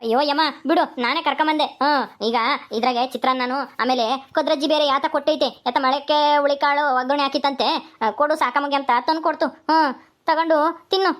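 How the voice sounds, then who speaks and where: A woman's voice: high voice, fairly even intonation, lightly acted. A woman voicing a worried grown son who pleads with his mother in a cartoon comedy. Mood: fretful. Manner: pleading, fast and fretful. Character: anxious grown son of the grandmother.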